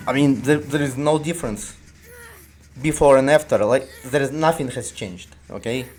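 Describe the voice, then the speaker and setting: A man with a Russian accent, a native Russian speaker, talking casually over gameplay footage in a hesitant, halting way with frequent restarts. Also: mid-range voice, a little mellow, a little hiss or hum. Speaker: gaming video creator.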